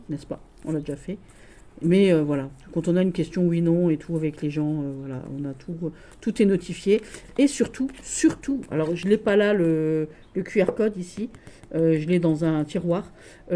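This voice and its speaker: Talking to her viewers about her tarot decks, this woman, a tarot vlogger, sounds chatty and warm. Her voice is soft, mellow and fairly low, and she keeps slipping "voilà" into her relaxed, friendly patter.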